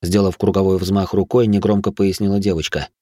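Low-voiced man narrating an audiobook. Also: level tone, fairly quick, warm tone, dry recording, studio quality. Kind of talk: first-person audiobook narration.

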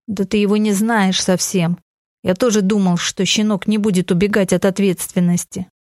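A woman's voice: mid-range voice, steady tone, moderate pace, a little mellow, no room sound, clean studio sound, close to an everyday voice. A woman voicing a cold, domineering middle-aged man who speaks curtly and defensively in an audiobook. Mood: scornful. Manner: curt, defensive, self-justifying.

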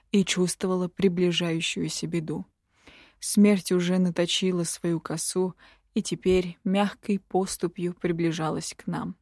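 A woman narrating a fantasy audiobook in the first person, slow and even. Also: fairly low pitch, no echo, studio quality.

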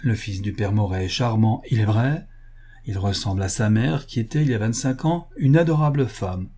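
A man narrating a literary audiobook in a measured, steady, expressive reading. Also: lowish voice, husky.

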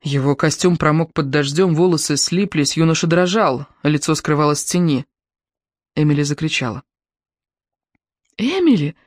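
An audiobook reader narrating a thriller in a tense, even manner. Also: medium pitch, moderate pace, dry recording, studio quality. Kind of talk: scripted narration.

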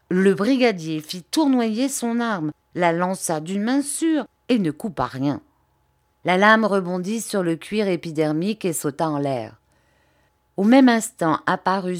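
Woman reading a novel aloud, slow careful narration, expressive. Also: mid-range voice, no echo, clean studio sound. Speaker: audiobook reader. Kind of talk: audiobook narration.

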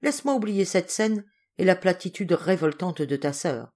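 A woman's voice: fairly low pitch, lively intonation, moderate pace, a little mellow. A woman voicing a stern, irascible old male general in a storybook reading, speaking harshly. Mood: emotional. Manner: harsh, scolding.

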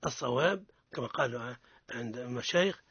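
A man's voice: mid-range voice, animated, brisk, fairly bright tone, slightly rough, dry recording, highs cut off. A man with a Tunisian accent teaching Quran recitation on radio, correcting pronunciation and modelling words for students to repeat. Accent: Tunisian Arabic.

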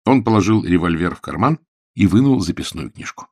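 Male storybook narrator, low-pitched, animated, recorded close and dry. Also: a little fast, husky, dry recording. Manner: expressive, animated reading. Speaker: audiobook narrator. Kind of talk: scripted narration.

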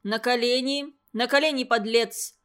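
A big, cruel old schoolmistress, played by a woman, barks harsh scolding at her pupils. The voice sits a bit high for a woman and lands hard and loud on the insults, slow and pressing. This is a storybook reading. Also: lightly acted. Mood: angry scolding. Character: huge cruel old woman tutor, furious and shrill.

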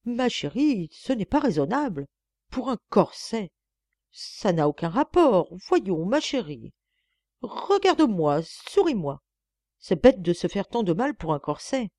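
A woman's voice: mid-range voice, very animated, unhurried, warm tone, dry recording, studio quality. Woman doing a coaxing henpecked husband. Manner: coaxing, stammering. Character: pleading henpecked husband, stammering, then exasperated.

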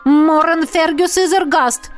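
A stubborn young necromancer woman , as a woman reading a fantasy audiobook voices her, frightened but pushing on. She speaks a bit higher than the reader's usual voice, sharp and snapping. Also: animated, moderate pace, faint music behind. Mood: impatient.

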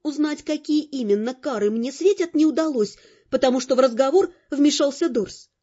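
A woman narrating an audiobook in the first person, lively and expressive, over faint music on a dull lo-fi recording. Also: sits high, normal speed.

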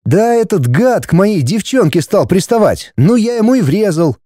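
A sulky, guilty teenage boy, voiced by a man reading an audiobook. He talks higher than an adult and mumbles sheepishly. The sound is close and dry. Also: very animated, moderate pace, dark tone, dry recording.

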